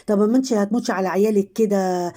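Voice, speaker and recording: Egyptian woman vlogger, warm mellow voice, scolding and indignant commentary. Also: mid-range voice, quick pace. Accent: Egyptian Arabic. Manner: indignant, scolding, talking straight to the people she criticizes. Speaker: vlogger commenting on online drama. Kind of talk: casual commentary to viewers.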